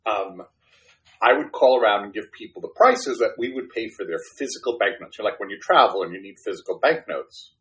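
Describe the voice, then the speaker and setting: A chatty man in his fifties from Brooklyn, New York, with Spanish as his first language, tells his life story as a podcast guest in a casual interview, poking fun at himself and using restarts and fillers. His lowish, a bit bright voice has lively intonation and a fairly quick pace. The recording is rough.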